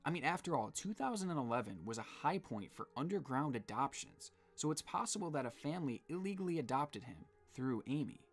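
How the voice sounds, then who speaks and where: A man's voice: a little high, big pitch swings, brisk, hardly any pauses, faint music behind. Man narrating a true-crime mystery. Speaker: video narrator.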